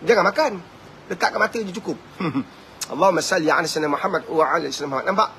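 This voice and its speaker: A man with a Malaysian Malay accent giving a live-streamed religious talk, animated and chuckling, always asking his listeners whether they agree. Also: on the high side, fast talker, a little hiss or hum. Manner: animated, keeps asking the audience "right?"; chuckles often. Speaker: preacher.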